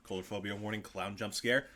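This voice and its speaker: A man's voice: on the low side, heavy background noise. Exasperated swearing male streamer. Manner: exasperated, profane, animated. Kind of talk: casual game commentary. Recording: game music playing behind.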